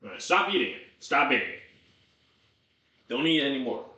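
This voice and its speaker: With a bright, forceful, sing-song voice of medium pitch and moderate pace, a man chats casually while cooking on a livestream. He thinks aloud, talking to himself and viewers with some swearing, and the audio has echoey room sound.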